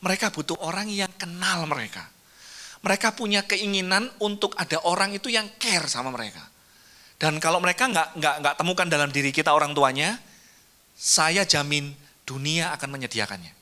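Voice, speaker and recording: A man's voice: on the high side, a little fast, bright, forceful tone. A man with an Indonesian accent, a pastor preaching a sermon to a church, earnest and acting out short dialogues as he tells stories.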